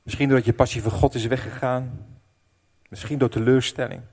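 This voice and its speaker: A man's voice: mid-range voice, fairly even intonation, brisk, slightly rough. Emotional middle-aged preaching man. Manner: emotional storytelling, swinging between hushed and loud. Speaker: pastor. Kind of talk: sermon with personal testimony.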